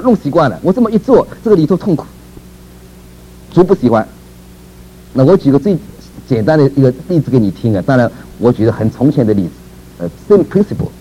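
Guy preaching a sermon, kinda high and bouncy, mellow tone, dull old tape with a faint hum. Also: sing-song, fairly quick, long pauses. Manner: conversational, asks rhetorical questions, chuckles, repeats words.

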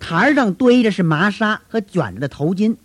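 A man telling a story in a colloquial, animated storytelling style with folksy asides. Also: high voice, normal speed, no echo. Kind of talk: traditional storytelling.

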